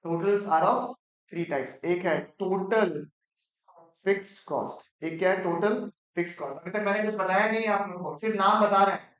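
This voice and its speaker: A man's voice: high voice, a bit bright, dull audio. Playful male teacher in an echoey classroom. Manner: asks the class quick questions, mixes Hindi and English; playful, teasing students. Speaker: economics teacher. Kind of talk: classroom lecture.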